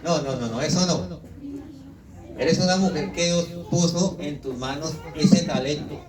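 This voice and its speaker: A man with a Colombian accent preaching a lively sermon, asking the congregation questions and acting out quotes. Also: a little high, unhurried, over music. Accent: Colombian Spanish. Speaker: visiting pastor. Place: church hall. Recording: echoey hall, mic far off, congregation audible.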